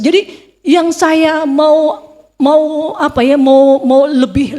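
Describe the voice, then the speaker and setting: High-voiced woman giving church testimony. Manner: emotional, animated storytelling with acted quotes. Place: church hall. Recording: long reverb of a church hall.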